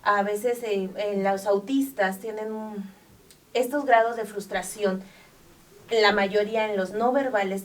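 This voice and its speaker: A woman talks with heartfelt emphasis as an interview guest, often pausing on fillers. Her voice sits in a middle register and sounds set back from the microphone, picking up some of the room. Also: mid-range voice, far from the mic. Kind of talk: earnest interview talk.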